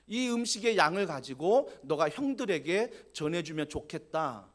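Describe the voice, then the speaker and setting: A man's voice: on the high side, sing-song, normal speed, pitched below the performer's own voice. A man voicing an old father telling his youngest son to carry food to his brothers at war. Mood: instructing.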